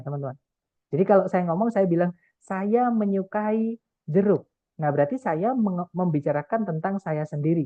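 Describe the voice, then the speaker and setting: Male tutor, patient and methodical, explains slowly over a thin, dry online call line. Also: on the high side, no echo. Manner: patient, explains step by step, keeps addressing the class. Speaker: TOEFL tutor. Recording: tinny call audio, dry.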